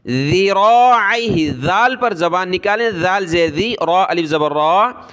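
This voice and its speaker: A man teaching Quran recitation letter by letter, spelling out letters and vowel marks, explaining pronunciation rules, and chanting the verses slowly. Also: high voice, fairly bright tone.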